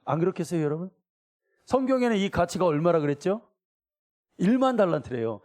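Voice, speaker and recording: A man's voice: sits high, very animated, brisk, a little mellow. A middle-aged man preaching a sermon as pastor, acting out everyday quotes in different voices.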